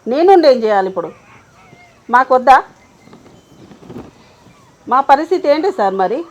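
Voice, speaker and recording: A woman's voice: high voice, very animated, moderate pace. Despairing village sarpanch woman. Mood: pleading. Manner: pleading, bitter complaints. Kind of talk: village comedy drama acting.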